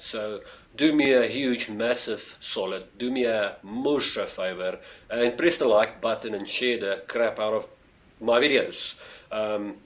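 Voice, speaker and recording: A South African man whose first language is Afrikaans, speaking with a South African accent and a fairly low voice. He runs a space channel and chats casually on his own live stream from home near a street, rambling with lots of fillers and eagerly pleading with viewers.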